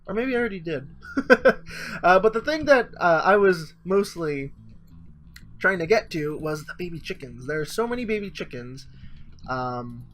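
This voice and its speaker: A man's voice: sits high, animated, moderate pace, a bit bright, slight background noise. A young man talking through a survival game in casual, rambling commentary, his voice a bit stuffy from just waking up, full of ums and little laughs. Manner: rambling, filler-heavy, chuckling. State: morning voice, stuffy sinuses. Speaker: gaming channel host.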